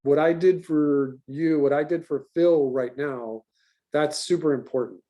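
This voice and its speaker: A man teaching an online animation class in an animated, talkative way. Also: a little high, measured pace, muffled recording.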